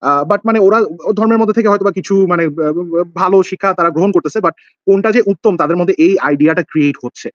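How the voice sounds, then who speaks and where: A man's voice: high voice, no echo, highs cut off. A man interviewing his guest in a polite, hedging way, filling his questions with small affirmations. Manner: polite, hedging, fills pauses with "mane" and "right".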